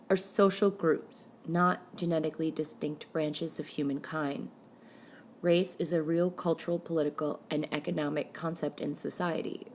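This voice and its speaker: A woman with a low voice delivers a lecture in a measured way, listing her points one after another. A faint hum of background noise sits under her voice. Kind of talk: recorded lecture narration.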